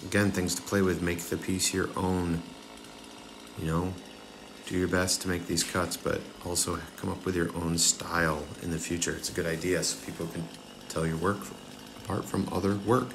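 A relaxed young instructor explains chainsaw carving cuts step by step in a casual voice-over. He speaks at a moderate pace in a low voice with vocal fry, and the background is noisy.

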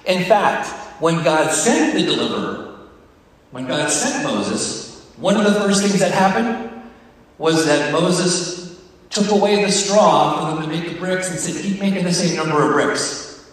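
A man's voice: high voice, measured pace. A man giving a conversational, jokey and sometimes emotional devotional talk to a staff gathering, recorded on a phone on the podium. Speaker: devotional speaker. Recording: distant, echoey room phone recording.

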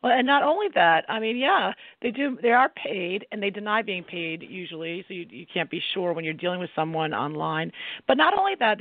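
A woman's voice: mid-range voice, gravelly, no echo. A woman hosting a podcast, introducing her guest with some fillers. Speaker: podcast host. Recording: tinny phone-like line, dry.

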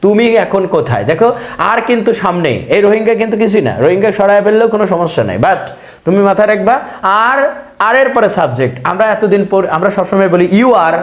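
A man with a somewhat high voice teaching a spoken English lesson in an echoey room. He talks in a chatty way, repeating words to drill them and asking and answering his own questions. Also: animated, fast talker.

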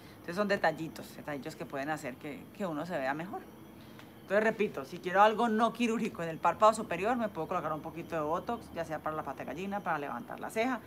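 A woman with a slightly low voice and a Caleño Colombian accent, talking as a plastic surgeon on a live stream. She explains things in a chatty way, full of diminutives. Faint room ambience sits behind her phone audio. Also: a little hiss or hum. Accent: Caleño Colombian Spanish.

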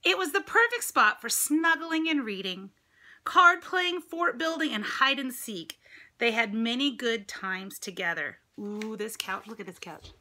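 Reading aloud to kids in a home room with a ceiling fan and a dresser, this middle-aged American woman sounds a little high and bright, with a forceful, expressive delivery at a slightly slow pace. She breaks from the picture book for chatty comments and questions, much like a teacher. The audio comes from a phone or tablet at arm's length.

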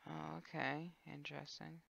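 A woman streaming a sandbox game, thinking aloud in a low-key, wry way with trailing filler words. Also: little pitch movement, moderate pace, vocal fry, a bit bright, no room sound. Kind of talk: casual gameplay commentary. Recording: dull lo-fi dry mic.

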